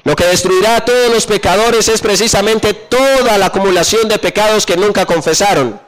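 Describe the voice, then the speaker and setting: A man preaching a sermon, often pausing mid-verse to ask his listeners what comes next and slowing down to drop low on key phrases. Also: poor audio. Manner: asks the congregation questions and pauses for answers.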